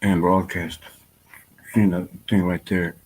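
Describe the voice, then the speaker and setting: A man's voice: deep voice, level tone, slow, husky, low-quality recording. A man talking in a rambling personal vlog, full of fillers, restarts and frequent swearing.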